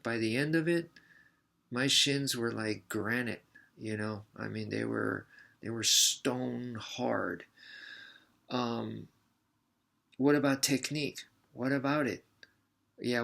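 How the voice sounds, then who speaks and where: A man's voice: mid-range voice, gravelly, a bit bright. A male martial arts instructor telling a personal story in a casual, rambling way, mocking himself and repeating words for emphasis.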